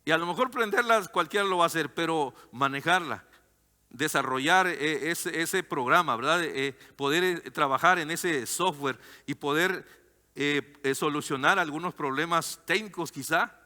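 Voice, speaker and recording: A man preaching a sermon as pastor, fervent and emphatic, at times turning soft and tender. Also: on the high side, moderate pace, long reverb tail. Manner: fervent, rising to loud emphatic cries; turns soft and tender in story parts.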